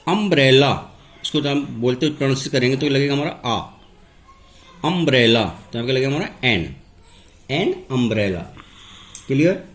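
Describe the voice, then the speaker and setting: A man teaching English grammar in a classroom lesson. He asks questions and answers them himself, and says key words over slowly. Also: mid-range voice, expressive. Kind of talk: classroom lesson, step-by-step explanation.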